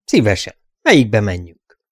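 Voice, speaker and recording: A man's voice: on the low side, wildly swooping pitch, no room sound, clean studio sound. Man voicing a stern older lord for an audiobook, curt and firm. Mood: casual.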